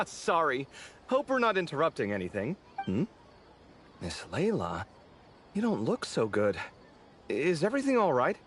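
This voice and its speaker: A man's voice: on the high side, a little hiss or hum, full character voice. An actor playing a friendly, earnest young male architect in a video game, who talks easily and apologizes readily. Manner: warm, expressive and talkative, quick to apologize. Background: soft game music.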